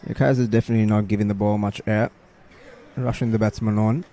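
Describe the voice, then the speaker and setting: A man's voice: lowish voice, fairly even intonation, quick pace, warm tone, a faint crowd. A man giving live cricket commentary, describing the bowling and the score.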